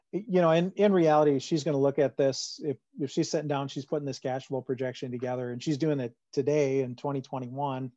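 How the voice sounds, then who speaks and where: A man's voice: medium pitch, mellow, dry recording. A man answering audience questions about farm finances in a webinar, talking conversationally with many fillers and restarts over a video call. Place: home room on a video call. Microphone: computer microphone on a video call. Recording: dull lo-fi video call audio.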